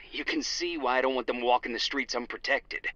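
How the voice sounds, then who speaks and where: A bright-voiced lawyer on the phone. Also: male voice, mid-range voice, moderate pace, dry recording. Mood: businesslike. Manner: dry, articulate. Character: dry, composed male trial lawyer, old friend. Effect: phone call filter. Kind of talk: video game voice acting. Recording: dull, band-limited phone call.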